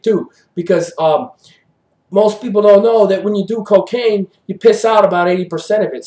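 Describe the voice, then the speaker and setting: A man's voice: sits high, mellow. Man hosting improv comedy, echoey room. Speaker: comedy show host.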